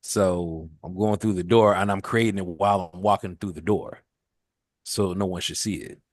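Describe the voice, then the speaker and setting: Hesitant lowish male player. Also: fairly even intonation, normal speed, no room sound, studio quality. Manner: hesitant, restarting sentences. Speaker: tabletop player.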